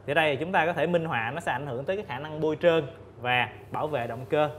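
A man in his thirties, a guest expert on a studio panel, explaining methodically with frequent pauses and fillers, on a lapel mic. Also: on the high side, slight background noise. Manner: measured, explains step by step with many fillers. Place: indoor TV studio set.

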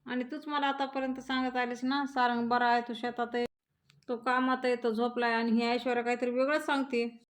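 A distraught elderly mother in a hospital bed who keeps demanding answers, read by a woman storyteller. Her voice is fairly high and level throughout. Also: little pitch movement, a little fast, close to an everyday voice. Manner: insistent, demanding.

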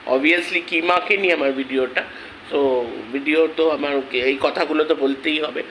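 A man with a headache, talking slowly and quietly in an angry protest vlog on his channel. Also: fairly high pitch, fairly even intonation, a little hiss or hum, low-quality recording. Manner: speaks slowly and quietly, rising in anger. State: has a headache. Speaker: vlogger.

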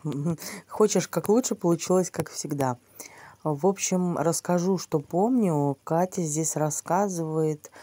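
Low, mellow woman narrating voice-over. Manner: relaxed, conversational, addressing viewers. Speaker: channel host.

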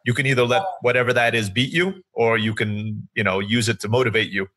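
A man's voice: mid-range voice, steady tone, a little fast, a bit bright. A man with an American accent, from the Middle East, talking conversationally as a podcast host. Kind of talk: conversational interviewing.

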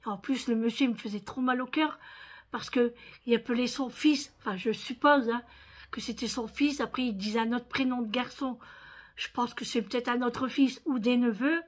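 Speaking at a moderate pace in a fairly high voice, a weary woman chats casually in her vlog. She has a northern French accent and scatters lots of fillers and small tags through her speech.

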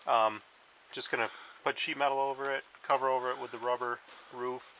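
Man, matter-of-fact, hands-on, very bright tone, light noise behind. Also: medium pitch, level tone, fairly quick, rough recording. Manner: practical, matter-of-fact, many fillers. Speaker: friend describing his repair plans. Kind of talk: casual explanation.

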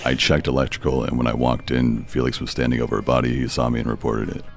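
A man with a gravelly voice chatting casually as he plays an online game. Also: extremely low pitch, flat delivery, fast talker. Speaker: video game player. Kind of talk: casual gaming chat.

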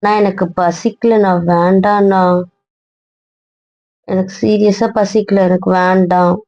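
A woman's voice: mid-range voice, little pitch movement, takes it slowly, dark tone, no echo. A young woman in casual couple banter, sulky, pleading and stubborn. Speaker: wife in a couple vlog skit. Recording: dull, dry lo-fi audio.

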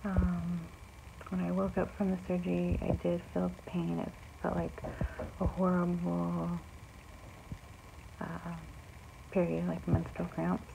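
A middle-aged woman talking casually and haltingly in a home video diary, often trailing off. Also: lowish voice, monotone, gravelly, mellow. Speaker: vlogger. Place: bedroom at home. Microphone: phone at arm's length. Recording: noisy amateur home phone recording.

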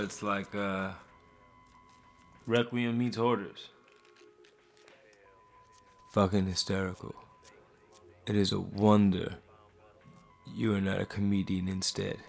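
A man's voice: lowish voice, steady tone, slow, vocal fry, long pauses, soft background music. A man in a short film, trading sardonic, profane banter and narrating in voice-over.

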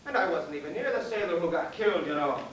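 A fawning, jittery Irish convict hangman, played by an actor on stage, rambles and pleads in a high, bright voice, saying sir at every turn. He sounds distant and echoey in a theater, with a faint hiss. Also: expressive, fast. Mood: rambling. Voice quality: wheedling, deferential, endlessly says sir. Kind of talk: live stage play acting.

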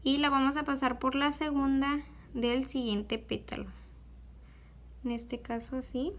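Slow, patient high-voiced woman teaching crafts. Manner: slow, patient, with many fillers like "este". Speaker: beadwork tutorial host. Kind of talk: step-by-step craft tutorial.

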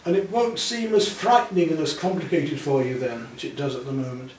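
Brisk and steady, with a voice on the high side, a sixty-something man patiently guides a student through painting, giving calm, reassuring instructions step by step. The hands-on session is in a living room at home. A camera placed a few feet away records it, so the audio is roomy and distant with ambient noise.

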